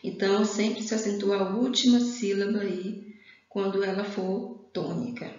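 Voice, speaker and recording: A woman's voice: mid-range voice, fairly even intonation, measured pace, darkish tone. A woman teacher explaining grammar, often repeating herself and checking in with "ok?". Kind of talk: grammar lesson. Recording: very echoey room, dull lo-fi sound.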